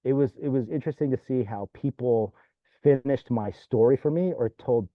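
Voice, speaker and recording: A former mayor from California, medium-pitched and speaking at a normal speed, rambles through casual stories, peppering them with "you know" and "right?" The line is dry and tinny, like a phone call, with no room sound.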